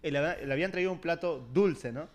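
A man with a somewhat high voice talks in a relaxed chat. He explains things patiently and teases his co-host now and then. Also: a little fast. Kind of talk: casual chat.

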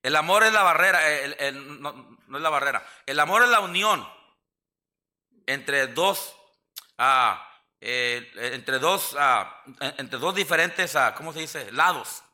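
Mexican pastor guy preaching in church, kinda high and super bright voice, jokey and folksy. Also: expressive, slow. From southern Mexico. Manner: folksy, joking, asks the congregation for amens. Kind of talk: sermon.

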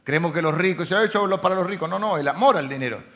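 Emphatic Rioplatense pastor preaching. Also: male voice, high voice, quick pace. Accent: Rioplatense Spanish. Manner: shifts from loud emphatic preaching to soft intimate asides. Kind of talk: sermon. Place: church. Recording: slightly dull lo-fi sound.

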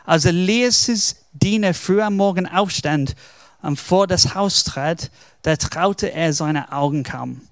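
A man preaches a short devotional, retelling a Bible story with animated energy and stray English words. His voice sits high and his pace is slow. The recording is close and dry. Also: no echo.

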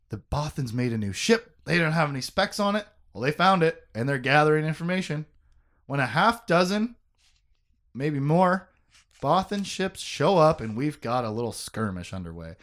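Male podcast host, lively and jokey, slightly high-pitched, swears freely. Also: moderate pace. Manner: animated, joking, laughs often, swears. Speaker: podcast host recapping a book. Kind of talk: casual chat.

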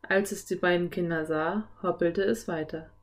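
A woman narrating a children's audiobook in a clear, even storytelling manner. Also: lowish voice, normal speed.

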